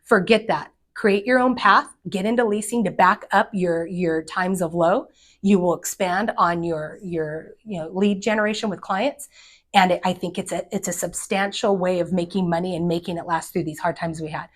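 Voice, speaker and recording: Brief: middle-aged woman, lower-pitched voice, energetic, direct advice-giver. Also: moderate pace. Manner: energetic, direct, acts out quoted people. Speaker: commercial real estate agent. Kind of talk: advice talk to fellow agents.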